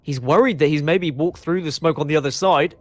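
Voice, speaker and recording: A man doing lively play-by-play commentary on an esports match, bantering jokingly with his co-caster over a headset mic. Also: on the high side, fairly quick, crowd noise. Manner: animated, jokey banter.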